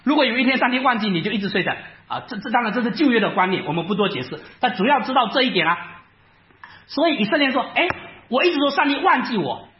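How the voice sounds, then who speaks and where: A man preaching a sermon, animated, asking rhetorical questions and acting out his listeners' doubts. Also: high-pitched, very fast. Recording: echoey room, slightly dull sound.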